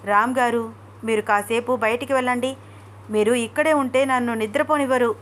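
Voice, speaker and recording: A woman's voice: fairly even intonation, normal speed, a little hiss or hum, close to an everyday voice. A woman voicing a young pregnant wife who is affectionate and anxious, in a pleading, raised voice. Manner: pleading, breathless, high and loud.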